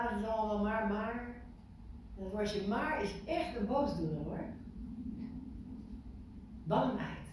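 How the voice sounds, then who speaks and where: A woman giving an informal sermon to a small group, lively and full of questions to her listeners, repeating words for emphasis. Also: on the high side. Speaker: preacher. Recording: echoey room from far off, faint noise.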